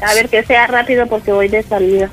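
A woman's voice: on the high side, fairly even intonation, fairly quick, soft background music, rough recording. Middle-aged mother, short replies. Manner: brief, questioning replies. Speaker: prank call target, mother. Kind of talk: phone conversation.

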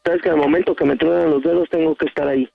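Angry, foul-mouthed Mexican man, gravelly on the phone. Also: fairly high pitch, fairly even intonation, fast, dry recording. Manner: angry, curt, threatening to leave. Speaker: prank call victim on a radio show. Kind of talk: heated phone argument. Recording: phone call on radio.

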